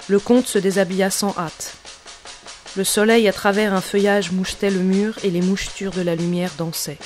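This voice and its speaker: A woman narrating a literary audiobook in a measured, quiet, restrained way. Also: on the low side. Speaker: audiobook reader.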